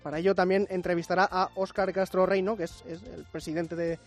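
A man gives a radio news briefing in a clear, factual manner. His voice is pitched quite high for a man, with faint music playing underneath. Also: little pitch movement, brisk. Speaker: news desk reporter. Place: radio studio.

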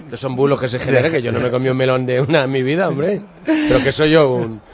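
A man's voice: medium pitch, animated, fast talker, crowd noise. A man on a radio sports show, denying a story in a joking, indignant way. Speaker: guest. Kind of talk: casual radio chat.

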